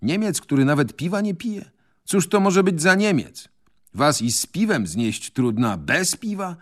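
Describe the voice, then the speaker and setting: A man's voice: fairly high pitch, sing-song, unhurried, pitched above the performer's own voice. A man doing a jeering shaggy young student. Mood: mocking. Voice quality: taunting, jeering. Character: mocking shaggy young man, sharp-tongued. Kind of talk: radio drama reading.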